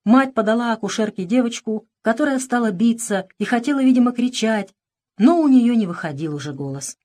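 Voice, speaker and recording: A woman's voice: fairly high pitch, animated, fairly quick, darkish tone. Woman narrating a literary audiobook. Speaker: audiobook reader.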